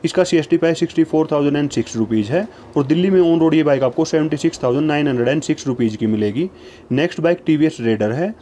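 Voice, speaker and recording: This is a narrator's voice-over for price slides: a man running briskly through price lists, each line delivered in an identical, steady formula. His voice leans a bit high yet sounds warm and mellow, staying even and matter-of-fact from start to finish. Faint background noise is present.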